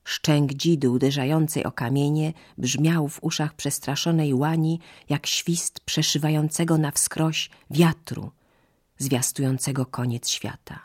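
A narrator telling a fable in calm, measured storytelling. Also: medium pitch.

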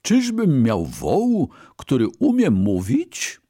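A man voicing a poor, excitable Brahmin in a storybook reading, raising his voice high and exclaiming. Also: drawn-out words, dry recording, studio quality, full character voice. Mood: astonished.

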